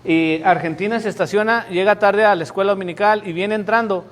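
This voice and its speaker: A man's voice: high voice, steady tone, a little fast, a little hiss or hum. A middle-aged man, a pastor preaching a sermon to his congregation with emphatic, dramatic storytelling. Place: church sanctuary before a congregation.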